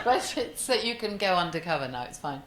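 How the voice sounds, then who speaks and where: A woman's voice: on the low side, brisk, slight background noise. An older woman telling chatty, laughing anecdotes as a panelist at a fan convention. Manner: chatty, laughing, lively storyteller. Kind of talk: casual anecdotes on stage. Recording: echoey hall, faint ambience.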